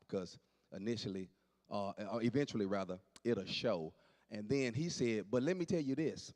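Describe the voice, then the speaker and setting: A man in his late forties doing animated stand-up storytelling on stage, dropping to low asides and jumping up for punchlines. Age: 40s. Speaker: stand-up comedian. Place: church hall on stage. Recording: long hall reverb.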